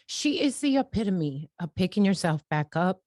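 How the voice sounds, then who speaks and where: A woman's voice: lowish voice, big pitch swings, normal speed, a little mellow, no room sound, clean studio sound. A woman hosting a podcast interview, heartfelt and rambling, often laughing and tearing up. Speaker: podcast host.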